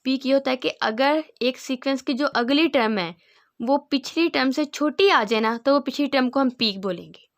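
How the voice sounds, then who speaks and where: A woman teaching a mathematics lesson, explaining step by step, reading definitions out slowly and often checking in with her students. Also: high-pitched. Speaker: math teacher. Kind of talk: classroom lecture.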